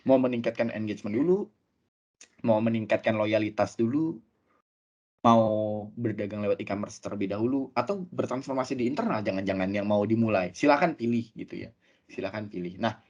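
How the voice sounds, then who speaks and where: Man, webinar talk, chatty, animated, lots of fillers, guest speaker. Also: lowish voice. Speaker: guest speaker from a tech company. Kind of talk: webinar presentation.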